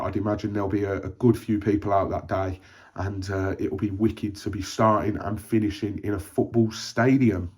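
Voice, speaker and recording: A man's voice: on the low side, a little mellow. A young man from Birmingham with a Birmingham accent, chatting to camera in a casual, encouraging running vlog, with frequent ums and uhs. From Birmingham, England. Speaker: running vlogger.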